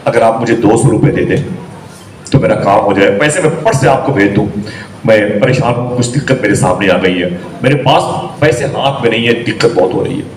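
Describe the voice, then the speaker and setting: A man preacher voicing a distressed young man who pleads for money, in a lower, softer tone than his own. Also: close to an everyday voice. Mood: pleading. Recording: echoey hall, voice from a distance, faint noise.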